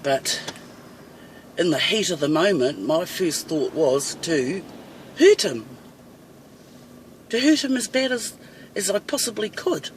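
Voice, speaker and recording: With a lowish, expressive voice, a middle-aged New Zealand vlogger speaks slowly and pauses often while driving her van in traffic. She's fiery and blunt, cursing freely as she rants at her phone camera. The recording comes from a distant phone mic swamped by road noise.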